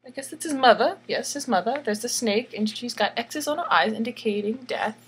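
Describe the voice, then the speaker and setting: A storyteller and illustrator reads a bedtime story in a theatrical, tongue-in-cheek style, giggly and chatty, repeating phrases for emphasis. Her voice is on the high side and a little fast, and the audio is poor, with some hiss or hum.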